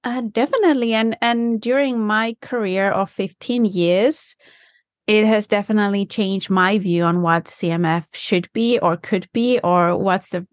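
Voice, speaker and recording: Speaking over a remote call from her home, a woman from Finland answers interview questions in a conversational way, thoughtful and eager, sometimes pausing to find a word. She is a guest and design specialist, Finnish by first language, with a middle-pitched voice. The audio is dry, carrying barely any room sound.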